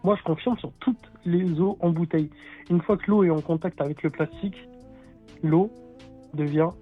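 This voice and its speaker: A man calling in and explaining things casually and informally, halting and repeating himself as he goes. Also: a little high, phone-quality sound, soft background music. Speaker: caller, water technician.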